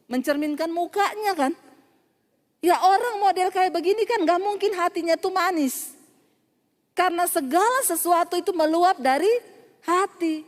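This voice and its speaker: A woman pastor preaching a storytelling sermon, lively and acting out dialogue, often laughing at her own jokes. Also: very high voice, in a large hall. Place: church.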